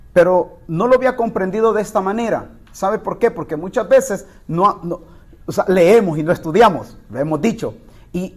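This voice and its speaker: Male pastor, very high voice, teaching sermon, reads scripture with asides to listeners. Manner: rises in pitch when quoting the blind man's cry. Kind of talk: sermon, Bible study.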